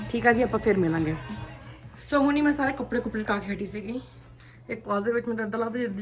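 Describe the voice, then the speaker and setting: A woman vlogger chatting casually to her viewers, slipping English phrases into her talk. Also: medium pitch. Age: adult, a mother of children. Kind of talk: casual vlog chat.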